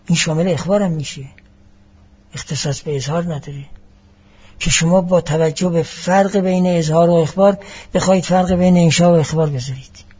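A man giving a classroom lecture as a seminary teacher, explaining each point deliberately and mixing in Arabic phrases. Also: a little high, steady tone, dark tone, slightly rough, highs cut off.

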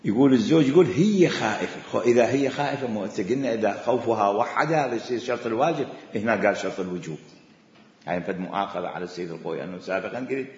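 A man's voice: on the low side, racing, darkish tone. A man with an Iraqi accent teaching a class on religious law, repeating his points with emphasis as he explains. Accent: Iraqi Arabic. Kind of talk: classroom lecture. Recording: echoey hall, dull lo-fi sound.

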